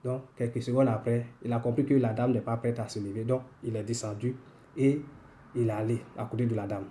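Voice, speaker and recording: A man from the country's northwest, hosting a weekly language lesson and telling a story at an unhurried pace with many filler pauses. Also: mid-range voice, steady tone, dark tone. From northwest Côte d'Ivoire. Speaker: host and language teacher.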